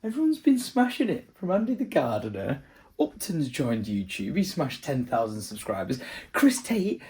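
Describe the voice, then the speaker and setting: A man's voice: medium pitch, a little mellow. A man, talking casually to his vlog camera in a chatty, enthusiastic way. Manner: chatty and enthusiastic, with filler likes. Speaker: vlogger.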